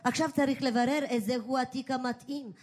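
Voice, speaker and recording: A prim, curt city-hall secretary. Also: female voice, high-pitched, steady tone. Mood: officious. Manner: formal, curt, by-the-book. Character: prim female municipal secretary, unflappable bureaucrat. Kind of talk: radio comedy sketch.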